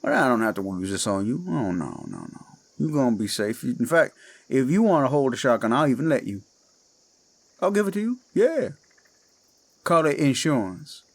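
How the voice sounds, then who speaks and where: Playing a menacing male werewolf who pretends to be a friendly swamp guide, a man with a Cajun accent drawls slowly and coaxingly in a horror audio drama. His pitch is medium, with huge swings.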